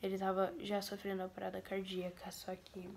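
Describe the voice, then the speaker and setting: A Brazilian woman speaks to her camera in a soft, breathy half-whisper as she recounts a loss. Her voice is flat and somber, with a gravelly edge of vocal fry. A faint hiss sits under the recording. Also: mid-range voice, a little fast. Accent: Brazilian Portuguese. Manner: grieving, sombre recounting. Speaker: vlogger. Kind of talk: personal storytelling to camera.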